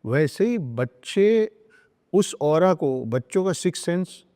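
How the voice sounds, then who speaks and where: A man talking earnestly as a podcast guest, hammering his points home with repeated phrases and bits of English. His voice sits a little high but sounds dark and mellow. A long reverb trails after his words. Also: animated, slow pace. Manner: emphatic, lecturing, repeats phrases and slips into English. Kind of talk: earnest podcast talk on spirituality and parenting.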